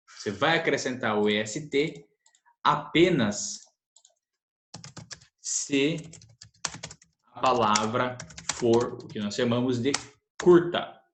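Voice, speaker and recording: A man teaching an English grammar lesson, explaining patiently and repeating the key points. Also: mid-range voice. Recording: echoey room, faint noise.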